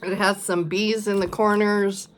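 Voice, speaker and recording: Slow-talking woman chatting about her stitching. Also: medium pitch, little pitch movement, a little hiss or hum. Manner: slow, chatty, many ums and pauses. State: coughing and sneezing now and then. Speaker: flosstube vlogger. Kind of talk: casual show-and-tell chat.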